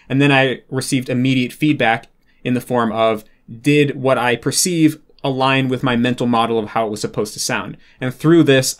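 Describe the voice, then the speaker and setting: A man in relaxed conversation, speaking at a middle pitch with an even, ordinary voice. He explains his points patiently and thinks out loud, with plenty of casual fillers along the way. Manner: thoughtful, explanatory, many "like" fillers. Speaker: interview guest, Japanese learner.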